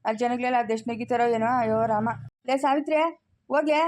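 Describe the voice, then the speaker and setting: A woman's voice: fairly high pitch, quick pace, a little mellow, slight background noise, natural voice. A woman playing a scolding, exasperated elderly village mother, speaking in a comedy skit.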